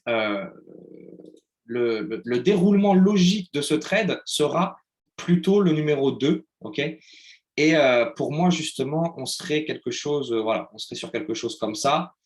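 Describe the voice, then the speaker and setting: A man's voice: medium pitch, animated, measured pace. A man teaching a live online trading lesson in a chatty way, often checking in with his listeners and using playful sound words. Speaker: trading instructor.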